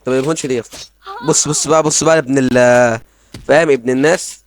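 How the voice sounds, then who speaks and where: A young man with an Egyptian Arabic accent commenting on his own online shooter match, rapid and excitable, repeating himself in frustrated outbursts. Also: mid-range voice. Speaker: gaming channel host. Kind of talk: live gameplay commentary. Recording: music over gameplay.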